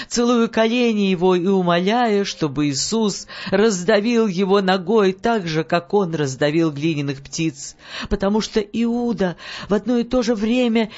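A woman reading a story aloud as an audiobook narrator, measured, letting phrases fall at their ends. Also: mid-range voice, a little mellow. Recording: dull audio with faint music.

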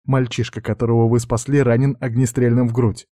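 A man's voice: mid-range voice, little pitch movement, brisk, warm tone, no echo, studio quality, lightly acted. A man doing a stern female bodyguard. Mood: urgent. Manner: clipped commands.

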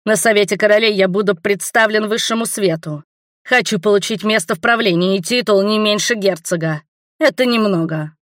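A woman voicing a squeaky, petulant, cowardly young nobleman in an audiobook. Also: brisk, no room sound, studio quality, natural voice. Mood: smug. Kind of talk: audiobook character reading.

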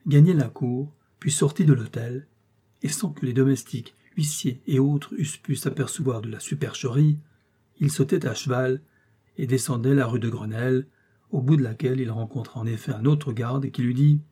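A man narrating an audiobook in a measured, even reading voice. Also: mid-range voice, slightly rough.

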